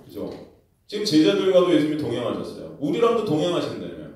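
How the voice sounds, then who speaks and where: A man preaching a sermon as pastor, telling the story with lively acted-out quotes and questions to the congregation. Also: fairly high pitch, fast talker. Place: church sanctuary. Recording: very echoey church hall, mic at a distance.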